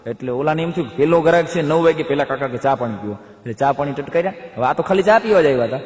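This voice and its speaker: A man's voice: on the high side, racing, lo-fi sound. A man telling a comic folk story on stage, acting out the characters' voices. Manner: animated, acts out characters' voices. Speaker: comedian storyteller. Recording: echoey hall, long reverb.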